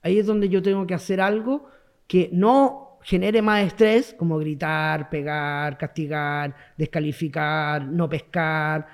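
A man's voice: fairly high pitch, fairly even intonation, a little slow, smooth. A man with a Chilean accent, the guest expert in a broadcast interview, explaining emphatically and repeating key words. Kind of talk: radio and TV interview.

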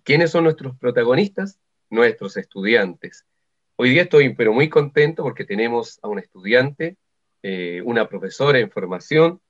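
A man's voice: medium pitch, expressive, normal speed. A man hosting a university radio interview, upbeat and chatty. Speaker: radio host. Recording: slightly dull lo-fi sound.

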